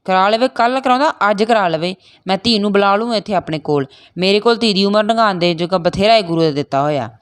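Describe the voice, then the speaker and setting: A blunt, protective old village father with short, gruff questions, as a woman reading a play puts him on. His lines come high and forceful. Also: lively intonation, fast, few pauses, lightly acted.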